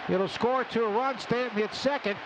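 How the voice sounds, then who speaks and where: Over steady noise at an outdoor ballpark, a very high-voiced man calls baseball live for radio, keeping his phrases short and clipped at a normal speed.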